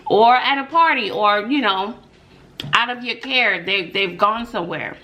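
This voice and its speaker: A middle-aged woman, both a middle school teacher and a mukbang vlogger, chats with viewers about her stories and opinions, emphatic and full of rhetorical questions and "mm-mm" sounds. Her slightly high voice is pushed and bright, delivered at a measured pace, on a low-quality recording.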